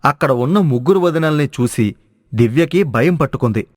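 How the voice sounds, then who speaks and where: Male cartoon narrator, fairly high voice, dry close sound. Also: fairly quick, no echo. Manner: steady, storytelling. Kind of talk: scripted storybook narration.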